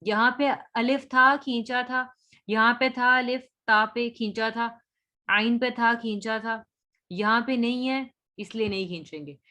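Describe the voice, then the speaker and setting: Slow-paced woman teaching recitation. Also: fairly high pitch, steady tone, bright, forceful tone. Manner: slow, drawn-out chanting of verses between explanations; patient, repeats words for learners. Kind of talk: online tajweed lesson.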